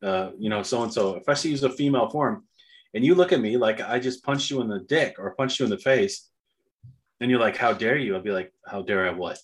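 A man's voice: mid-range voice, lively intonation, fairly quick. Male podcast co-host with a mid-range voice; loose, rambling, sweary storytelling with acted-out dialogue. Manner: rambling, profane, acts out imagined dialogue. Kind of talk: casual opinionated chat.

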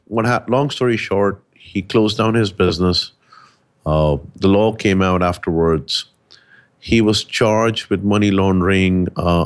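A man speaking as a guest on a talk show, explaining a story at length with frequent hesitations. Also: fairly low pitch. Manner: explanatory, hesitant with many uh fillers. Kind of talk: casual chat.

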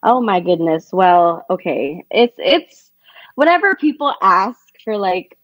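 A woman's voice: lowish voice, big pitch swings, a little slow, no room sound. A woman from the Philippines and California, a singer-songwriter chatting casually as a podcast guest. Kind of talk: casual interview chat.

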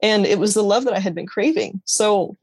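A woman's voice: mid-range voice, brisk, a little mellow, breathy edge, no echo. A woman in the guest seat tells her personal testimony in a candid, earnest way. She stumbles over her words, restarts her sentences and laughs lightly at herself. Her voice sits in a middle range and is recorded dry and close to the mic. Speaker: interview guest. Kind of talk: personal faith testimony in conversation.

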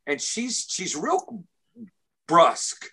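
A man in casual conversation, telling a funny story, animated and often repeating words as he starts sentences. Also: high-pitched, slow pace, gravelly, breathy edge. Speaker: comedian and recovery speaker.

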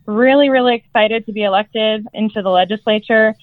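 A woman's voice: on the high side, a little fast, no room sound. A woman, a guest and nursing educator, answering interview questions in an upbeat, informative way. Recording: phone-like line.

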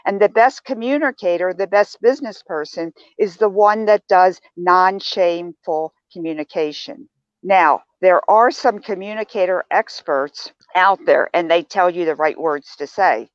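An older woman talking as an interview guest, animated and acting out the remarks she quotes in shifting tones. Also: fairly low pitch, no echo, dull audio. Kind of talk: casual interview talk.

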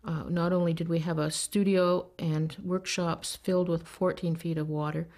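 A woman's voice: fairly low pitch, flat delivery, normal speed, gravelly, darkish tone. A woman, a production designer, recounting events in a documentary interview. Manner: matter-of-fact recounting with fillers.

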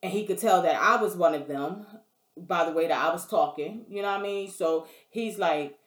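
A woman's voice: fairly low pitch, moderate pace. A woman telling a story in a blunt, profane, casual rant, often checking in with the listener. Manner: blunt, profane, keeps asking "you know what I mean". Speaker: vlogger. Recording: roomy echo.

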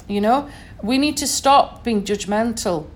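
Speaking like a teacher with real earnestness, a Sheffield woman from northern England talks to listeners in a fairly high voice and local accent. The recorded talk is informal, and she punctuates her points with frequent quick checks of "okay?"

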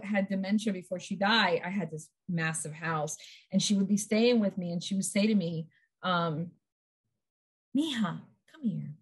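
Middle-aged woman, podcast guest, casual chat, lively storyteller, acts out quotes, medium pitch. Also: husky. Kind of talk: casual conversation.

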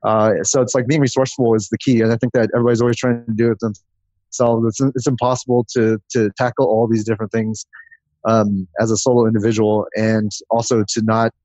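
This growth marketer, a podcast guest, speaks briskly in a fairly low, slightly mellow voice with little pitch movement. The recording is low quality but has no room sound, and in the casual interview he rambles and works through lists.

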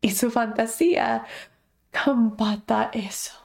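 A woman's voice: a little high, takes it slowly, creaky. Woman teaching a class, acting out voices. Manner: explanatory, acts out inner voices. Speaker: instructor. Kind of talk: online class talk.

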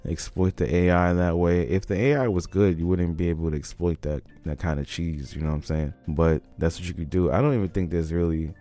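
Low-voiced man, mellow tone, stuffy from a cold, rambling laid-back podcast chat, faint music behind. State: congested from a cold. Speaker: podcast host. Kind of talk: casual solo gaming podcast.

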